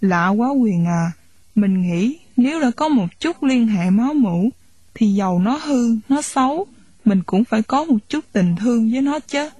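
A troubled teenage girl slowly confides her doubts to a friend, as a woman reading the story voices her. The voice is husky and breathy. The recording is dry and close. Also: a little high, warm tone, no room sound. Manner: slow, pondering confession.

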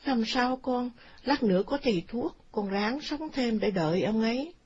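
A woman voicing an excitable older mother in a spoken story. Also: normal speed, husky. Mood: soothing. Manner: shrill, excitable. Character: older mother, shrill and fretful.

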